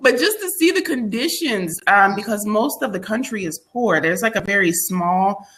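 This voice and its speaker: A woman as interview guest, telling travel stories in an animated, hesitant way with fillers. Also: medium pitch, normal speed, rough recording. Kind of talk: casual interview chat.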